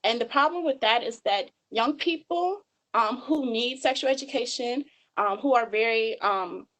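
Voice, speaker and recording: A woman's voice: a little high, low-quality recording. Young woman presenting slides, many ums. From Georgia, US. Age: 20s. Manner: earnest, many filler ums. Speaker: webinar presenter.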